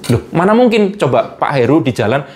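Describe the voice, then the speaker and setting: A man's voice: fairly high pitch, big pitch swings, fairly quick, darkish tone, a little hiss or hum. A man in a casual interview, explaining with everyday examples and chuckling often. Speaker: guest speaker on vibration and energy.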